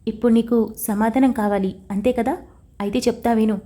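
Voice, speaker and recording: A woman's voice: fairly high pitch, steady tone, fairly quick, dark tone, lightly acted. A woman reading the lines of a torn, tearful young wife in an audio story, emotional and defiant. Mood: tense.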